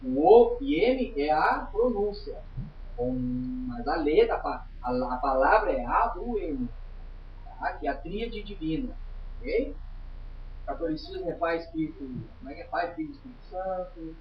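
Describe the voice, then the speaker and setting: A man's voice: on the high side, lively intonation, moderate pace, far from the mic, a little hiss or hum. A man teaching a spiritualist study group in an informal lecture, chatty and emphatic, often checking in with his listeners. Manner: chatty, emphatic, tags lines with "tá?". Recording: roomy, dull lo-fi room recording.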